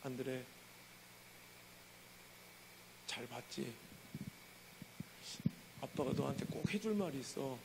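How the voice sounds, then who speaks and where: A man voicing a quiet, patient father who speaks low and tenderly to his son. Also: moderate pace, gravelly, background noise. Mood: gentle.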